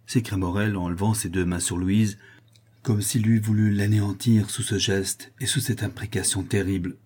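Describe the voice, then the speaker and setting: A man narrating a classic novel as an audiobook in an even, dramatic reading. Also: on the low side, normal speed, slightly rough.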